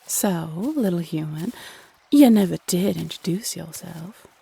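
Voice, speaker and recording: Female Cupid, acted by a woman, lowish creaky voice, sassy, teasing, chatty, bossy, audio roleplay. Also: expressive, measured pace, warm tone, heavily acted. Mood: friendly, sassy. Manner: sassy, chatty, teasing, uses pet names. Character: playful, teasing female Cupid, bossy little love goddess. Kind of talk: scripted audio roleplay addressed to the listener.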